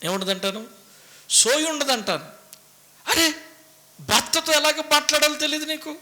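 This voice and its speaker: A pastor preaching a sermon to his congregation, swinging from loud exclamations to hushed asides and repeating phrases for emphasis. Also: very high-pitched, moderate pace.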